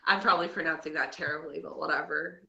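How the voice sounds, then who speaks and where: A woman's voice: sits low, fast, gravelly, pushed and bright, highs cut off. A woman with a Nova Scotian Canadian accent co-hosting a podcast, chatting casually in a rambling, gossipy recap. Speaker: podcast co-host.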